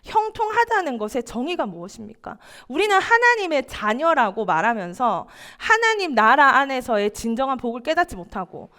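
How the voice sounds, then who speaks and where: High, lively woman preaching a sermon. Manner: questions the listeners, acts out family quotes. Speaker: youth ministry preacher.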